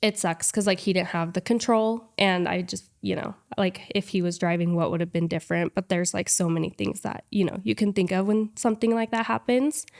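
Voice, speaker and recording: Woman, 20s, nasal, sniffly from a cold, podcast guest, personal storytelling. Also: medium pitch.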